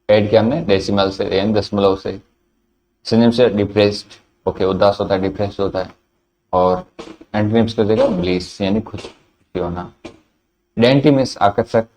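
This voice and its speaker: A man's voice: lowish voice, mellow. A man with a Hindi accent teaching English vocabulary in a classroom lecture, repeating each word and answering his own questions.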